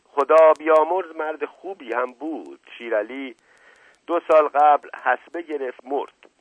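A man puts on a quick-witted storybook aristocrat with a raised, lively voice. He sounds mock-solemn and teasing, with a close, dry sound. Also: a little high, no room sound, narrow, tinny audio, pitched above the performer's own voice, natural voice.

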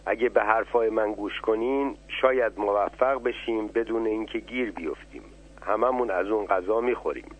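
A man's voice: fairly low pitch, husky. Man reading a bossy sparrow leader, Chipi. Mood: commanding. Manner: commanding, giving orders. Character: bossy clever male sparrow flock leader. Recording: tinny phone-like radio line.

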